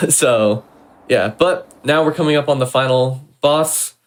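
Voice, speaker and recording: A man's voice: medium pitch, unhurried. A man giving casual commentary on a video game speedrun. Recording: clear game noise behind voice.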